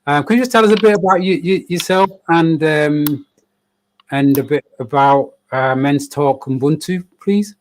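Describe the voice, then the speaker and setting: A man hosts a conversational show in a fairly high voice. He is encouraging and friendly, praising his guests and passing the floor to them. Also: moderate pace. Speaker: host. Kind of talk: casual conversation.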